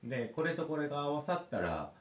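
A man's voice: on the high side, very animated, a little fast. A man who is a parent, telling a rambling story with many fillers in casual podcast chat. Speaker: podcast host. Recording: roomy echo.

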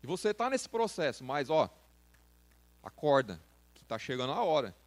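Brazilian man preaching with slang, high voice. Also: sing-song, moderate pace. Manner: informal, slangy, direct address to listeners. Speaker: youth preacher. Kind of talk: sermon.

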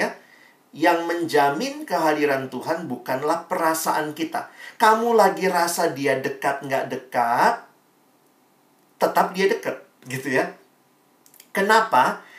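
A man speaking as a youth pastor, answering questions in a lively devotional talk and acting out the voices he quotes. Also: fairly high pitch. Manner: animated, rising emphasis, acts out quoted voices. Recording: echoey room from a distance.

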